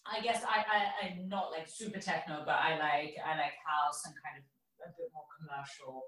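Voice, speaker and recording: Woman from Australia, lowish voice, easygoing chat, roomy far-off sound. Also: fairly even intonation, normal speed, a bit bright. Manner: easygoing, filler-heavy. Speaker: DJ and radio show co-host, guest. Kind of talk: casual interview chat. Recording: roomy and distant.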